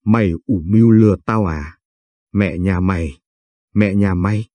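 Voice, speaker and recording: A man's voice: deep voice, a little slow, dry recording. A man voicing a furious, heartbroken young wife who hurls accusations at her husband. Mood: enraged. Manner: shouting accusations.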